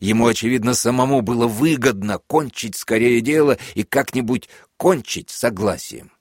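A man narrating a classic novel as an audiobook in a measured, even reading. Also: medium pitch, husky, no room sound, clean studio sound. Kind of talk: scripted literary narration.

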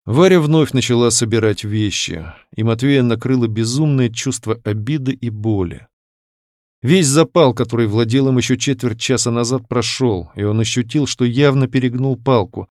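A man's voice: medium pitch, dry recording. Man reading a novel, dry close sound. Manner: even, measured literary reading. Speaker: audiobook narrator. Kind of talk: scripted narration.

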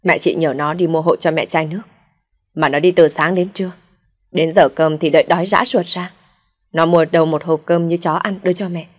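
A woman's voice: deep voice, steady tone, fairly quick. Woman voicing a nasty old mother-in-law. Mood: whining. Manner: scolding, coarse. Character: spiteful sick old mother-in-law, shrill and abusive.

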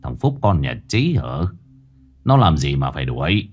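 A man voicing an old village man who speaks with gruff urgency. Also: a bass voice, very animated, moderate pace, a little mellow, pitched below the performer's own voice, full character voice. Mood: concerned.

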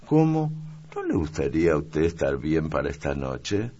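A man voicing a lively, chatty young servant girl in a high, eager voice in an audiobook reading. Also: moderate pace, muffled recording, full character voice.

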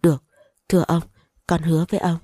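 A serious young man, tender with the woman he loves, in a storybook romance, as a woman narrator voices him. His quiet, earnest lines sound low and mellow, close and dry. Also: flat delivery, fast, no room sound, close to an everyday voice.

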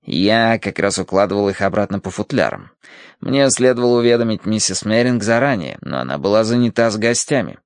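A man voicing a calm, unflappable Victorian butler who speaks in a measured, deferential way in an audiobook. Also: lowish voice, clean tone, dry recording, studio quality.

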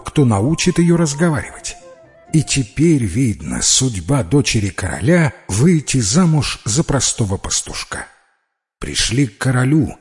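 A man narrating a fairy tale in an expressive storytelling manner. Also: medium pitch. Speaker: reader.

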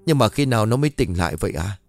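A man's voice: lowish voice, lively intonation, racing, gravelly, soft background music. A man doing an anxious, fretful middle-aged mother. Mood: anxious pleading. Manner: pleading, fretful.

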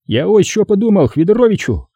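A man voicing a sly older male partisan commissar with a Ukrainian accent and a folksy, animated way of talking in an audiobook. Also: sits high, fairly quick, slightly rough, no echo, voice pushed up, full character voice.

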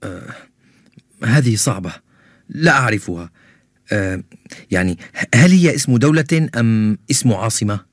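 An actor playing a calm, knowledgeable young science buff who explains things in a children's radio drama. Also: male voice, fairly low pitch, moderate pace, long pauses, no room sound, studio quality. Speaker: science expert character in a radio show.

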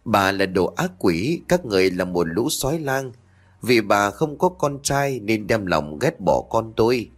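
A man's voice: lowish voice, very animated, unhurried. A man voicing a wronged blind young mother who cries out accusations and curses. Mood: anguished.

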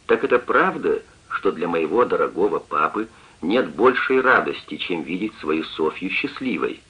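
A man's voice: deep voice, sing-song, moderate pace, husky, muffled recording, exaggerated voice. A man raising his voice for a pleading young daughter. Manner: imploring, tender, tearful pleading.

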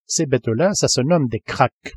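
A man's voice: medium pitch, moderate pace, husky, no echo, studio quality, close to an everyday voice. A man voicing an earnest, pedantic manservant who speaks with unflappable seriousness, in an audiobook reading.

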